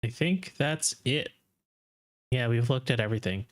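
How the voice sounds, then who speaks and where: A man's voice: medium pitch, moderate pace, slight background noise. A man giving casual, off-the-cuff live commentary as a streamer reacting to game trailers.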